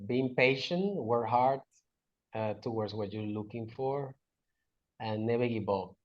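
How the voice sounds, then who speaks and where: A Venezuelan guest, a native Spanish speaker, answers interview questions in English in a mid-range, slightly slow voice. He's hesitant, using fillers, restarting and making grammar slips, and the recording sounds dull and lo-fi.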